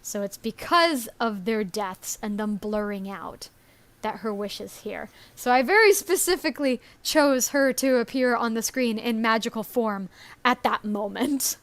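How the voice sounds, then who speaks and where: Chatty woman, fairly high voice. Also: measured pace, no echo. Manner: chatty and rambling, with frequent ums and little laughs. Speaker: story creator and stream co-host. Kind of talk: casual live-stream chat.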